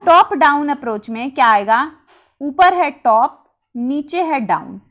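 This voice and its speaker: High-voiced woman teaching, rhetorical questions. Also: expressive, fairly bright tone. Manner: asks rhetorical questions then answers them; repeats key terms slowly. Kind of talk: exam-prep lecture.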